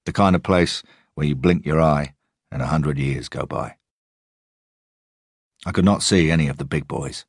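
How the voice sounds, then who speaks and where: A man reads a first-person story in a measured, steady way. His voice is extremely deep and somewhat husky, recorded close and dry with no room sound. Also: no echo. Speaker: audiobook narrator. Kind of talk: first-person audiobook narration.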